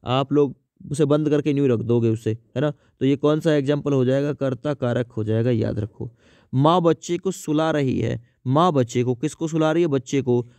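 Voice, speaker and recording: A man giving an exam-prep grammar lesson. He asks questions and answers them himself, with a lot of repetition, and reads the example sentences out slowly. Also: mid-range voice, a little mellow, dry recording. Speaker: teacher.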